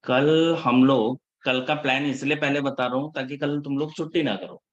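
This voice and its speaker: A man gives a live class in a loose, chatty teaching voice, switching easily between Hindi and English. He checks in with his students every few sentences and scolds them a little about missed classes. His voice sits at an ordinary middle pitch. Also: fairly even intonation, normal speed, highs cut off. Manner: casual Hinglish teaching, checks in often with the class. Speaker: instructor.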